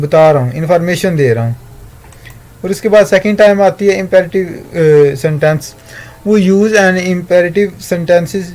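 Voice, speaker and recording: A man teaching a recorded grammar lesson. He explains step by step, asks himself questions and answers them, and reads English example sentences slowly and carefully. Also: sits high, darkish tone.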